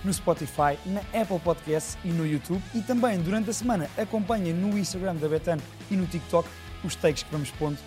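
Fast-talking man hosting sports chat. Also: high-pitched, darkish tone, soft background music. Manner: brisk, leads the show. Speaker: podcast host.

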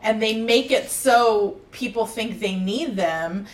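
A woman's voice: on the high side, slow, recorded from a distance. A woman in casual chat, talking earnestly and asking rhetorical questions. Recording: roomy, off-mic.

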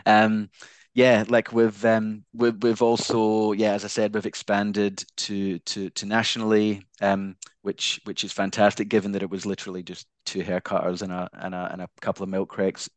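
A man from Glasgow with a softened Scottish accent, answering interview questions conversationally in a hesitant way with careful enunciation. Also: lowish voice, monotone, normal speed, dry recording. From Glasgow, Scotland. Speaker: founder of a not-for-profit, interview guest.

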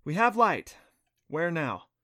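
A man voicing a spirited, touchy preteen girl in an audiobook, raised high and excitable. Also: heavily acted. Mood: startled. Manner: high, excitable, quick to anger.

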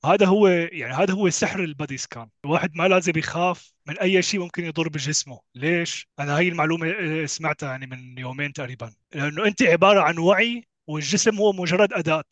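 Very rapid man, dry sound. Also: fairly high pitch, fairly bright tone, dry recording. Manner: explanatory, rhetorical questions, emphatic. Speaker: podcast co-host. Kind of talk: casual conversation about self-help.

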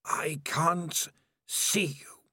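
A man voicing a malevolent, hissing creature that speaks into the mind, slow and drawn out. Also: fairly high pitch, fairly even intonation, sharp tone, husky, no room sound, clean studio sound, voice pushed up, full character voice. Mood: menacing. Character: hissing malevolent many-minded rat creature voice.

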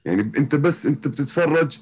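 A pro MMA fighter from Jordan speaks quickly in a higher, slightly mellow voice with lively intonation, on a somewhat rough recording. Chatting casually as an interview guest with a Palestinian-Jordanian Arabic accent, he keeps looping back over his words.

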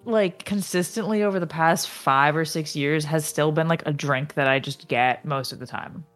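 A woman in her twenties co-hosting a podcast in casual chat, chatty and quick, full of fillers and laughter. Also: deep voice, faint music behind. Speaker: podcast co-host.

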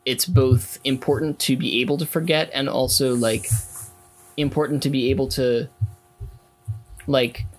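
A young man in a casual class discussion, talking haltingly with many fillers and restarts. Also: medium pitch, steady tone, rough recording.

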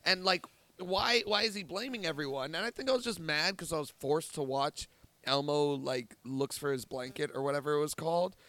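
A man's voice: a little high, fairly quick, fairly bright tone, no echo. A man co-hosting a podcast, talking casually in profane, rambling rants. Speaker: podcast co-host. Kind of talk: casual chat.

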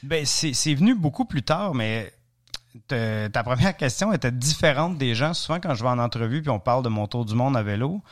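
A man's voice: medium pitch, lively intonation, brisk. A man, a guest in an interview, talking casually and thoughtfully with frequent restarts and hesitations. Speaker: podcast guest, travel author.

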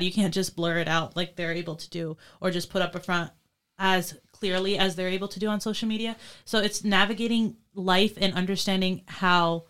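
A young woman from New York in a casual panel discussion, speaking reflectively, with her voice often dropping softer. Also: on the low side, smooth. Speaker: student panelist.

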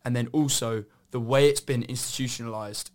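A man's voice: medium pitch, fairly even intonation, fairly quick. A man talking through ideas as a podcast co-host. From Somerset, southern England. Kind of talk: discursive discussion.

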